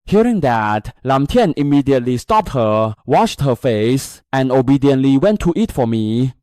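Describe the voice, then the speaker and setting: A man's voice: mid-range voice, sing-song, measured pace, dark tone, no echo. A man narrating a comic-style story recap in a scripted storytelling style.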